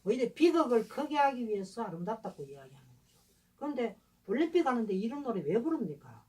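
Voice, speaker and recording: A woman giving a classroom lecture, animated, posing rhetorical questions to her listeners. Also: a little high, fast, husky. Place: lecture room. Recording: distant mic with faint room noise.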